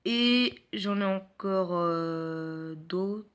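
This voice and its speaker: A man's voice: sits high, extremely slow, a bit bright, clean tone. Hesitant male mobile game commentator. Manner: hesitant, many filler sounds, self-mocking jokes. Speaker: mobile game video host. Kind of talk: casual gameplay commentary.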